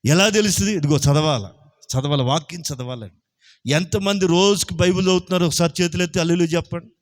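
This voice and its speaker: Emphatic fairly high-voiced male pastor. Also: fast. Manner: emphatic preaching, keeps asking the congregation if they are listening. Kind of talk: Sunday sermon.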